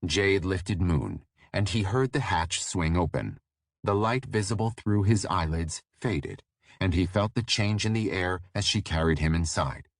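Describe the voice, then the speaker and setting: Deep, dry male narrator for fantasy audiobook; steady, measured read. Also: no room sound.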